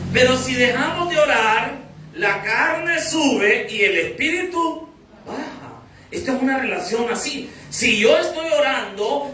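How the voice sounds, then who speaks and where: A man's voice: extremely high pitch, bright, forceful tone, slight background noise. Preacher man in an echoing hall. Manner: asks the audience questions, rises to emphatic preaching. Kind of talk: sermon teaching. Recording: very echoey, distant hall recording.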